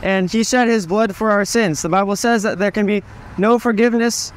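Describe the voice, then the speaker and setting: Brief: young Southern US man preaching outside, high clear voice, steady scripture reading. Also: normal speed. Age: young adult. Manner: steady, reads scripture, then speaks plainly with fillers. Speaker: street preacher. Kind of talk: open-air street preaching and scripture reading. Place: outdoors on a town street.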